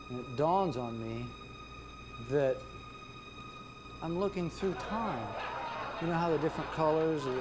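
A middle-aged American man with a fairly high voice performs a comic monologue as show host. He rambles and halts, often repeating a phrase before going on. Clear background noise sits behind him in a live indoor room. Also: darkish tone. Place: small indoor stage with painted backdrop.

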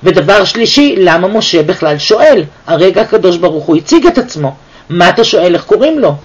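A man giving a weekly Torah portion lesson, talking in a lively way and firing off rhetorical questions. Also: high voice, husky. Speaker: Torah teacher. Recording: dull lo-fi recording.

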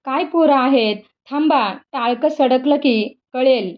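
A woman's voice: high-pitched, a little slow, highs cut off. A woman voicing a proud, angry elderly male Brahmin scholar with a scolding, indignant manner in a storybook reading. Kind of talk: storybook reading with voiced characters.

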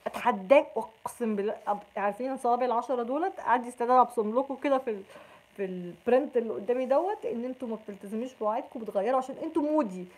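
A husky-voiced Egyptian woman vlogs to her audience at a breakneck pace. Her voice sits a little high, and she keeps the talk casual and jokey. She slips in short acted-out quotes from her friends along the way. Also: a little mellow, poor audio. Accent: Egyptian Arabic. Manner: rapid, jokey, acts out quoted friends in bursts. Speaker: YouTube vlogger. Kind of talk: animated casual monologue to camera.

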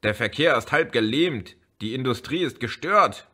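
A man's voice: medium pitch, lively intonation, normal speed, bright, forceful tone. A man reading an audiobook, voicing an indignant teenage boy who lectures gloomily. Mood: indignant lecturing. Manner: heated, preachy, indignant. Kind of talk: audiobook character voice.

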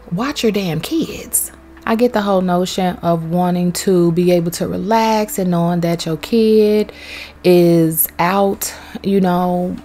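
Chatty woman vlogging, tells stories all animated, cusses casually. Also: fairly low pitch. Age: young adult to middle-aged, has a son. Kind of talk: casual storytelling over gameplay.

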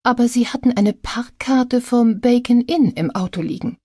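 A woman's voice: moderate pace, dark tone, slightly rough, no echo, studio quality. A woman reading an audiobook, voicing a nosy, whiny older woman who gossips about her neighbors. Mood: indignant gossip. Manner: whiny, indignant, high-pitched.

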